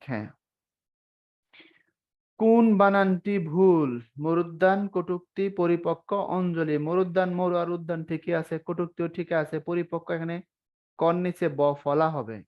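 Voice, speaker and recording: A young man teaches an online exam-prep class on spelling. His voice sits a little high, and he keeps the lesson chatty, teasing his students and tossing them questions. The sound is dull and lo-fi, like a streamed class.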